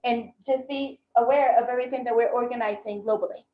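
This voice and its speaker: A woman interprets live on a video call, hesitating with fillers and restarts over a poor internet connection, so the audio is muffled and echoey. Her voice is fairly high, fairly even in intonation, and brisk.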